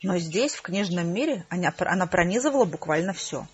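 A woman with a husky voice narrating a first-person audiobook in a dry, wry manner. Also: lowish voice, expressive, brisk. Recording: slightly dull lo-fi recording.

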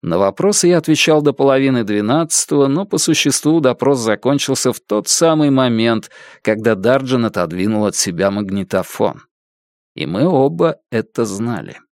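A man reading an audiobook in measured, expressive scripted narration. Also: medium pitch, no echo.

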